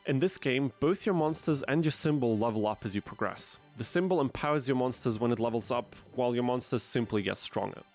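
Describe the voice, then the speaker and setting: A man's voice: medium pitch, lively intonation, fairly quick, hardly any pauses, a little mellow, soft background music. A man giving scripted gameplay commentary as a channel narrator, with wry, dry asides. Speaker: gaming video narrator.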